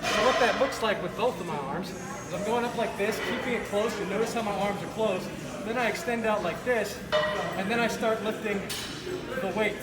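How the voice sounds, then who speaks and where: A man speaking through a face mask, giving casual, halting workout instruction in a gym vlog. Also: high-pitched. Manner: informal, halting, self-correcting explanations. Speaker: fitness video creator, host. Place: indoor gym. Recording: echoey gym, loud music behind. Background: loud music.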